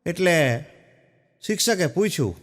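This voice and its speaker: Comedian telling jokes in a reverberant hall. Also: male voice, big pitch swings, a little slow, fairly bright tone. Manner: folksy storytelling, drops low for quoted characters. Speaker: stand-up comedian. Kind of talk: joke telling on stage.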